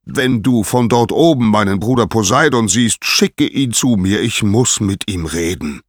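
A man's voice: low-pitched, expressive, unhurried, slightly rough, no room sound, studio quality, full character voice. A man voicing Zeus as a mighty, grumpy old god-king suffering a headache, groaning and suspicious. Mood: irritable, aching.

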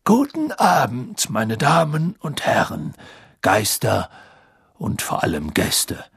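A man voicing an elderly male headmaster who gives a slow, ceremonious welcome in a husky voice, raised high. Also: huge pitch swings, fairly bright tone, no echo, clean studio sound, exaggerated voice. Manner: slow, stately welcoming address.

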